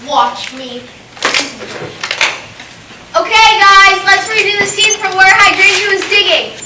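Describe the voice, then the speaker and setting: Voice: very high-pitched, slow. A young performer playing a bossy storyteller who rewrites a scene and directs the others. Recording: very echoey room from far off with noise.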